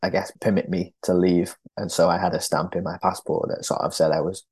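This podcast guest, a man in his thirties born in Peru and raised in northern England, thoughtfully recalls his past in a conversational interview. His low, darkish voice is flat and a little breathy, with no echo. He hesitates often, pausing, restarting and saying "um."

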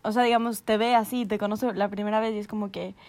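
A woman's voice: mid-range voice, steady tone, quick pace, over a noisy crowd. A young woman with an Ecuadorian accent, co-hosting a podcast in teasing, laughter-filled casual chat. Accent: Ecuadorian Spanish. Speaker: podcast co-host.

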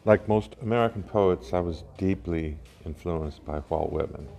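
A middle-aged man from Alabama with a Southern US accent, a poet giving a slow, deliberate reading with spoken asides in a cafe. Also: sits low, creaky, warm tone. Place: public cafe.

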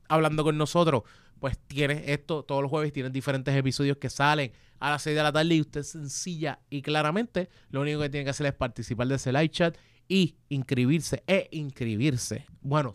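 A man with a Puerto Rican accent hosting a casual podcast from a studio, talking loudly and animatedly and swearing freely. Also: fairly high pitch, clean tone, no room sound. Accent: Puerto Rican Spanish. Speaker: podcast host.

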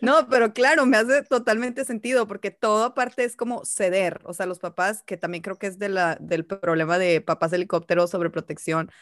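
A woman's voice: medium pitch, fairly even intonation, normal speed, hardly any pauses, no echo. Chatty woman co-hosting, dry sound. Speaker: podcast co-host. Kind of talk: casual podcast chat.

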